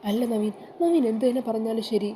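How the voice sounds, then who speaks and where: A woman's voice: fairly high pitch, animated, brisk, dark tone, a little hiss or hum, lightly acted, poor audio. A woman voicing a frightened young wife who pleads and gets upset, sure a snake haunts her.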